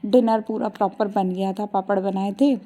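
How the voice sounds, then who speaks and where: A woman's voice: medium pitch, steady tone, normal speed, dark tone. A woman and mother chatting easily through a home vlog from her kitchen. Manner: chatty, easygoing storytelling. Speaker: vlogger and mother. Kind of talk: casual home vlog narration.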